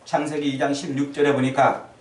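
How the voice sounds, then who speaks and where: A man preaching a sermon as pastor, emphatic, rising to loud peaks and then dropping low. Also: level tone, a little fast, echoey room, recorded from a distance. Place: church.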